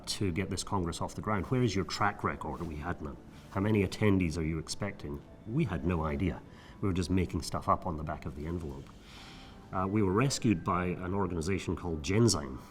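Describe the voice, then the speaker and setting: Deep-voiced Scottish physician, measured and reflective. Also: male voice, a little hiss or hum. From Scotland. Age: middle-aged. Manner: measured, reflective, frequent filler sounds. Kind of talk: recorded oral-history monologue.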